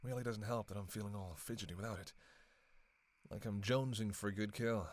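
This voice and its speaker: A man with a lowish voice, speaking a little fast with light acting, plays a sardonic, flirtatious, long-lived vampire killer in a roleplay audio drama. It's one side of a casual dialogue full of teasing, sweary banter, and his mood is defensive and musing.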